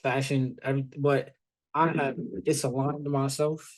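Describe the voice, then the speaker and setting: A man's voice: mid-range voice, flat delivery, normal speed. A young man co-hosting a podcast, chatting in a laid-back, blunt, mocking way. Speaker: podcast co-host. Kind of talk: casual chat.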